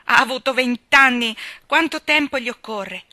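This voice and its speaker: A woman's voice: a little high, moderate pace, bright, forceful tone, no room sound, voice pushed up. A woman reading aloud and voicing a distressed forty-year-old unmarried woman who pours out her grievances in sobbing, indignant bursts. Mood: aggrieved. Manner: sobbing, indignant, pleading outbursts. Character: tearful forty-year-old spinster woman, wounded and bitter.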